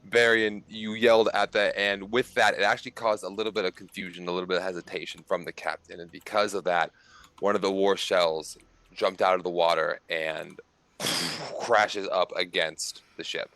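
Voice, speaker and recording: A man narrating as game master of a tabletop game, casual and halting, with many fillers. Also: low-pitched, little pitch movement, fairly bright tone, no room sound.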